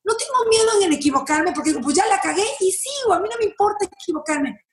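Mexican woman guest, high voice, blunt and swears freely, echoey room. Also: expressive, fast. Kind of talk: candid interview talk.

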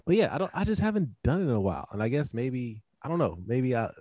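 Young male podcast host, relaxed chatter, dry close call sound. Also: medium pitch, fast, no echo. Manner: laid-back, lots of fillers, exasperated laughs. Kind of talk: casual chat. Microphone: video call.

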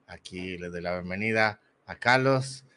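Chatty, bright-voiced male host. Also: sits low, measured pace. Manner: chatty, lots of fillers, mixes in English words. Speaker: podcast host. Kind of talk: casual online interview.

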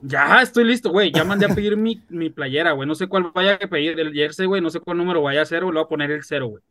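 A man's voice: a little high, fast talker, sharp tone. A young man with a Mexican accent hosting a casual sports chat, slangy and swearing freely. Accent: Mexican Spanish. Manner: slangy, swears freely, says "güey" constantly. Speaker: podcast host.

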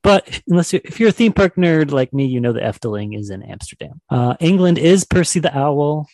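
A gravelly-voiced man hosts a casual podcast quiz, chatty and enthusiastic as he talks. His voice is close and dry, with no room around it, and he laughs easily between answers. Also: fairly high pitch, sing-song, a little fast, a little mellow, no room sound. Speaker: podcast co-host running a quiz. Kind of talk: casual chat.

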